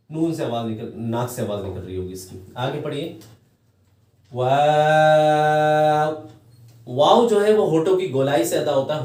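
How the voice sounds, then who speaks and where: A man's voice: medium pitch, dark tone. Patient male Quran teacher, chants the letters, distant mic in an echoey room. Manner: patient, repeats each letter in a drawn-out chant. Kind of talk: recorded lesson for children.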